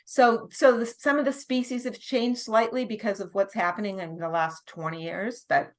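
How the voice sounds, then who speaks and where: With a medium-pitched voice and a steady tone, a middle-aged American nurse practitioner speaks at normal speed as a guest. She explains things at length in a casual conversation, often starting over and laughing lightly.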